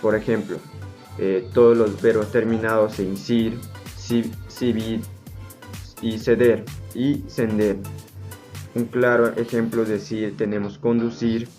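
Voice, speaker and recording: A young man with a low, flat voice gives a student presentation on grammar. He hesitates often and fills pauses. Faint music plays behind him. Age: young adult. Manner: hesitant, with frequent fillers. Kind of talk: class presentation.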